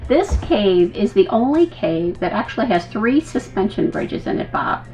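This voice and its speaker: Woman, travel vlogger. Chatty, informative narration aimed at the audience, average pitch, faint music underneath. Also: big pitch swings, moderate pace, darkish tone. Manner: conversational, explanatory, addresses viewers directly. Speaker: travel vlog host.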